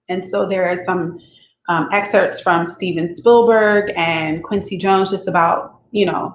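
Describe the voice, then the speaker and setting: A woman hosting a book-reading channel chats casually at home before reading aloud, her cat nearby, tagging her sentences with "okay?" and openly expecting to cry. Her voice is medium-pitched and a bit bright. The room is echoey with faint noise.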